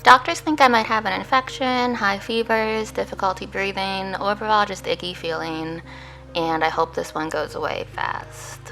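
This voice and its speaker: A woman's voice: mid-range voice, fairly even intonation, normal speed, creaky, pushed and bright, soft background music, low-quality recording. A woman who is a patient, talking casually to viewers in a personal video diary. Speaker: patient vlogger.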